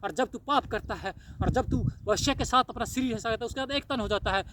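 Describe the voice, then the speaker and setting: A man's voice: very high-pitched, fast, distant mic, background noise. A man preaching a fiery, repetitive sermon, exhorting listeners and breaking into tongues. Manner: exhorting, repetitive, shifts into loud pleading.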